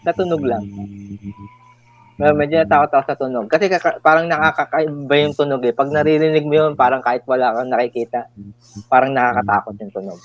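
A man as a guest on a casual podcast chat, talking haltingly and repeating his phrases. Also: a little high, steady tone, dull audio. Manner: halting, repeats himself, "parang ganun".

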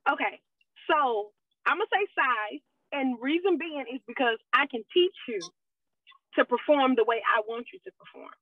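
High woman on a tinny phone line. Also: lively intonation, moderate pace, dry recording. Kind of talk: casual group chat over the phone.

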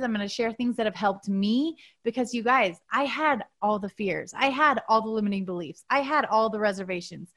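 Higher-voiced woman, motivational life coach. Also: fairly bright tone. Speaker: podcast host and mentor. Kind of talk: motivational podcast monologue.

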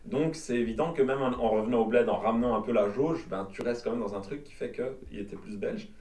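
A man's voice: medium pitch, a little fast, darkish tone, distant mic. Rambling man, roomy and off-mic. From Belgium. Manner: rambling, repeats words while searching for them. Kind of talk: casual chat.

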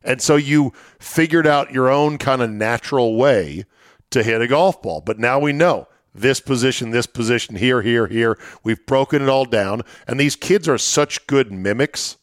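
A man's voice: mid-range voice, normal speed, no echo, studio quality. A middle-aged man hosting casual sports talk, explaining things in short, listed phrases.

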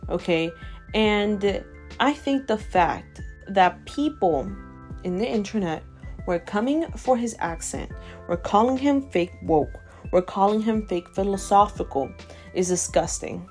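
Speaking at a measured pace in a mid-range voice, this Ecuadorian woman in her twenties, a native Spanish speaker, hosts a casual podcast and rants with animated emphasis. She often asks "okay?" while faint chill background music plays.

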